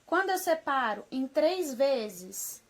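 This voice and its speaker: A woman with a Brazilian Portuguese accent teaching young children a remote lesson, affectionate and patient, slowly sounding out words and checking in often. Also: sits high, big pitch swings. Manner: affectionate, slow syllable-by-syllable modeling, frequent "tá bom?". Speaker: primary school teacher.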